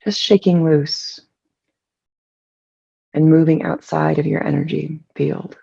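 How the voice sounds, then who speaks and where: Soft and dark in tone, this mid-range voice leads a meditation with a lot of gravelly fry and a relaxed feel. Long pauses break up the slow, soothing delivery, and the recording comes across as slightly dull and lo-fi.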